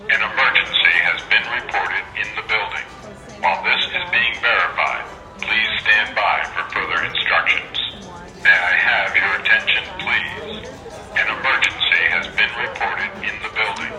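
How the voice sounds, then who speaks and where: An echoing recording of a man giving an emergency evacuation announcement. His voice is on the low side yet very sharp and forceful. He delivers the scripted alert formally and deliberately, like a public-address message. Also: soft background music.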